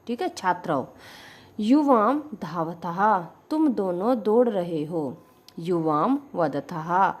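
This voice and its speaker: A woman teacher, slowly explaining Sanskrit grammar and repeating each sentence with its meaning. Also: mid-range voice, a little mellow, breathy edge. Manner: slow, deliberate, repeats each sentence with its translation.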